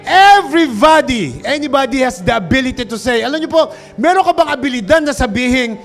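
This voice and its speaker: A male pastor preaching an animated sermon, mixing Tagalog and English, calling out to the congregation and shouting for emphasis. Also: very high voice, brisk, faint music behind.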